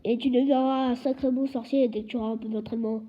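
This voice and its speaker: A huge, hot-tempered man with a booming, indignant voice, as a woman reader acts him out. The tone is husky and the recording dull and lo-fi. He roars out his lines in a storybook reading. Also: steady tone, fast talker, lightly acted. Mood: gruff. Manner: loud, indignant, roaring.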